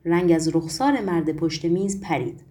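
A woman narrating a novel as an audiobook, with expressive storytelling. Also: lowish voice.

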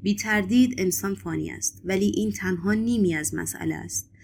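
A woman voicing a mysterious foreign man who talks in a calm, assured and cryptic way in an audiobook. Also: mid-range voice, creaky, slight background noise, natural voice. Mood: ominous.

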